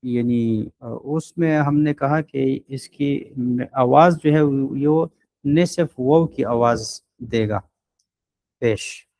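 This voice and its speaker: A man with a mid-range, slightly mellow voice teaches a Quran recitation class online. He explains patiently, fills his pauses with drawn-out sounds, and demonstrates short vowel sounds slowly and deliberately.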